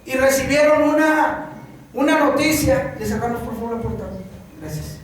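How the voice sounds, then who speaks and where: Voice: high-pitched, normal speed, slight background noise. A preacher with a Mexican Spanish accent giving a sermon in a church hall, speaking in a repetitive, emphatic cadence. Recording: very echoey hall, mic far off.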